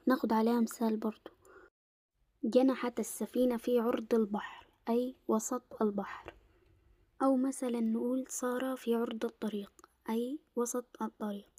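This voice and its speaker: A young woman with an Egyptian Arabic accent teaching an Arabic lesson in a casual explanatory way, slowing down to stress word pairs. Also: on the high side, dark tone, dry recording, studio quality.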